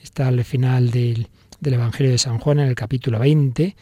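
Mellow-voiced priest giving a reflection. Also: male voice, medium pitch, normal speed, no echo. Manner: expressive, acts out sighing voices in quotes. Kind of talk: spoken reflection on faith.

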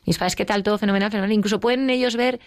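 A middle-aged woman with a Spanish accent, telling her personal story as an interview guest, emotional and quick. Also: mid-range voice, steady tone, no room sound, clean studio sound. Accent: Spain. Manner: fast, emotional storytelling with acted quotes. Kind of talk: personal testimony in conversation.

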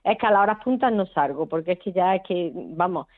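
Casting: middle-aged female radio caller, Andalusian accent, rapid and rambling, affectionate, heard through a thin telephone line. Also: lowish voice, lively intonation, dry recording. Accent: Andalusian Spanish. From Córdoba, southern Spain. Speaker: regular phone-in caller. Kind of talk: chatty casual phone call. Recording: tinny narrow phone line.

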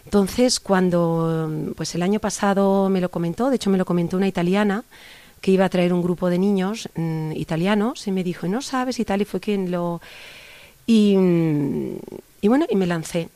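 A middle-aged woman from Barcelona, Spain, a youth organizer, is a guest in a casual conversational interview. Her fairly low, dark voice moves at a moderate pace as she talks at length, earnest and rambling, with many restarts. The recording is dry.

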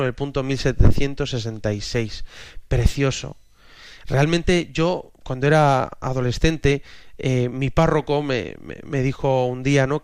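A man's voice: medium pitch, smooth, no echo, clean studio sound. A man in his thirties giving a religious teaching talk, explaining patiently and often ending phrases with a questioning tag.

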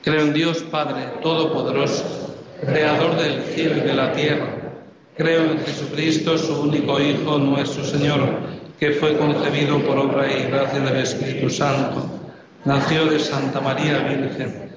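Priest with cathedral echo. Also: male voice, fairly high pitch, level tone, heavy background noise. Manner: solemn, measured delivery. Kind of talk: sermon and Mass prayers. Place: large church. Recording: echoey church, dull sound.

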